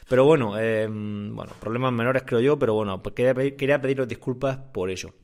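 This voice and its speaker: A man's voice: mid-range voice, fast, darkish tone. Conversational man hosting a sports podcast. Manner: conversational, often repeats and rephrases. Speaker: podcast host and endurance sports coach. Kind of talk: casual explanatory solo podcast talk. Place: room indoors. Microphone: condenser microphone.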